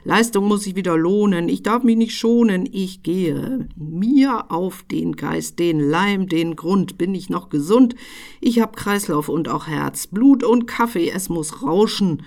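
Woman, poetry recital, rhythmic, bursts and whispers, low voice, gravelly. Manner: deliberate, rhythmic delivery with sudden loud bursts and whispered phrases.

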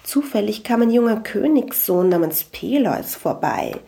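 A woman reading a story aloud in a calm narration style, sometimes dropping to a soft whisper. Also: mid-range voice, measured pace, creaky. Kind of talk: scripted audiobook narration.

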